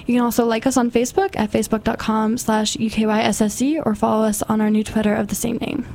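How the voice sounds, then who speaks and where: A woman's voice: on the high side, level tone, fast talker, vocal fry, a little mellow. A woman hosting a campus radio show, interviewing a guest and reading announcements in an upbeat way.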